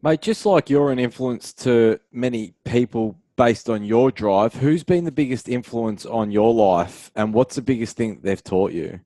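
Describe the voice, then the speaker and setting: A man hosting a podcast interview, asking brief relaxed questions. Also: mid-range voice, a little slow, few pauses, no echo. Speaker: podcast host.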